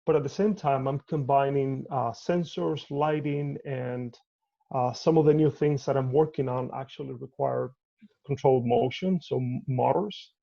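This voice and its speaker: A man's voice: mid-range voice, steady tone, creaky, dark tone, lo-fi sound. A man from Cuba, an artist talking thoughtfully in a video call interview from home, often restarting his sentences. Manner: measured, thoughtful, with frequent restarts.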